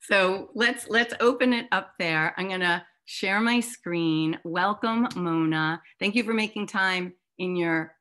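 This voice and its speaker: On an online video call, a woman with a mid-range, sharp-toned voice hosts a photobook discussion, chatting casually and enthusiastically. She speaks unhurriedly with few pauses.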